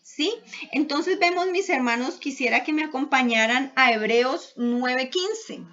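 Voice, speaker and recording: A woman preaching a sermon with earnest rhetorical questions, her voice dropping soft and low for spoken prayers. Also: expressive, measured pace, soft background music. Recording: dull lo-fi recording.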